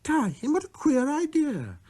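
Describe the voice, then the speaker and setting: A man's voice: very high-pitched, wildly swooping pitch, unhurried, warm tone, voice pushed up, heavily acted. A man voicing a small, earnest, wondering boy prince from another planet in a storybook reading. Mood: shocked. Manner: earnest, wondering, easily amused. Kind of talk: storybook character voice.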